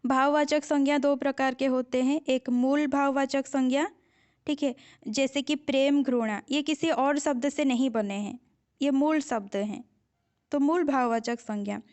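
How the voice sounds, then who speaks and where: A woman's voice: sits high, fairly even intonation, measured pace, darkish tone. A woman teaching a grammar lesson for exam preparation, explaining patiently and repeating key points with frequent check-ins to her students.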